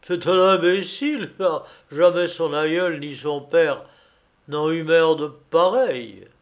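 A man doing a gruff old grandfather. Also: on the high side, very animated, slow pace, a little mellow, full character voice. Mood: grumbling. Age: older. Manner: gruff, grumbling exclamations. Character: grumbling old peasant grandfather, gruff and stubborn.

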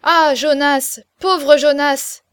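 A woman's voice: fairly high pitch, a little fast, dry recording, studio quality, lightly acted. A woman reading aloud voices a crowd of male traders who call out and jeer together. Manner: calling out, shouting together. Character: crowd of jeering male speculators.

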